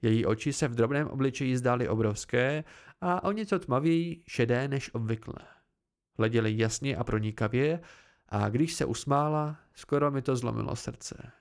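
A man reading an amateur audiobook aloud, telling the story in the first person at a calm, measured pace. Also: medium pitch, vocal fry, clean tone. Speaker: audiobook reader.

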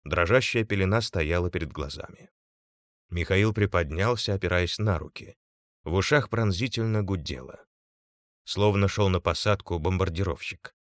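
Man, audiobook narrator, low voice, dry close sound, measured storytelling. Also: no echo.

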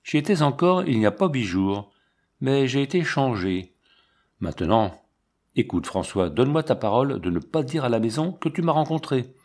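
A man's voice: medium pitch, very animated, normal speed, darkish tone. A man reading the part of a stern, aloof army captain in his thirties, in a curt, commanding manner for an audiobook. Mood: probing.

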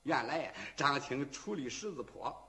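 Male storyteller, rhythmic rhymed narration, very lively pitch, bright tone. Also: moderate pace. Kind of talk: traditional storytelling.

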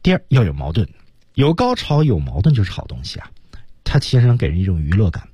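A man's voice: fairly low pitch, wildly swooping pitch, fast talker, dark tone, breathy edge, no room sound, dull audio. A man hosting a radio English lesson, chatting casually and dotting his talk with filler particles, in a studio. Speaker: radio English teaching host.

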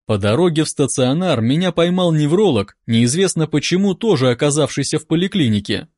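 Lively expressive male audiobook narrator. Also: fairly high pitch, a little fast, no echo, clean studio sound. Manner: expressive storytelling. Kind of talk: first-person audiobook narration.

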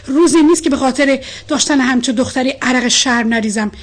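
A woman's voice: high voice, fairly even intonation, husky. A woman voicing an angry, stern older male colonel who scolds his daughter in a storybook reading. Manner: shouting, scolding.

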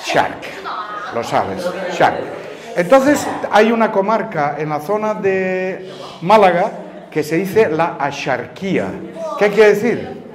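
A man with a Canarian Spanish accent and a fairly high voice talks slowly and patiently, putting questions to his audience. Behind him a lively crowd murmurs through the large room. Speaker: teacher giving a talk to students. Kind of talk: classroom talk on word origins. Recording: lively audience noise around the speaker. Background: crowd of listeners.

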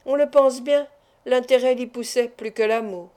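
Mellow-voiced woman narrating a classic novel. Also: a little high, steady tone. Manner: measured, clear reading. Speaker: audiobook reader. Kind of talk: scripted narration.

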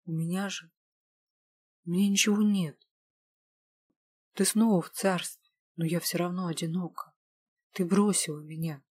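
Woman voicing a bitter mocking rival, low husky voice, storybook. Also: steady tone, moderate pace, pauses often, darkish tone, no echo. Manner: teasing, sneering, then hurt. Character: sly jealous young woman, mocking and bitter.

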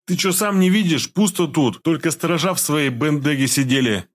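A lanky, touchy thug who whines back in a high, defensive voice, played by a male audiobook reader. He sounds easily offended and petulant, storybook style. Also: normal speed, lightly acted. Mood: offended, whiny. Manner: whiny, defensive. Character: tall skinny young thug, touchy and whiny.

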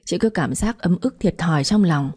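Husky, warm woman storyteller. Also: fairly low pitch, lively intonation, moderate pace. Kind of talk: audiobook story narration.

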